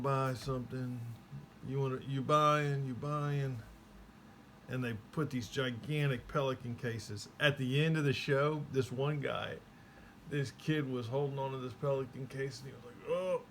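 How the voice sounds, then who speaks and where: A male vlogger with a medium-pitched voice gives a rambling, casual spoken recap, with a little hiss or hum on the audio. As he tells it, he slips into quoted voices, acting out the people involved.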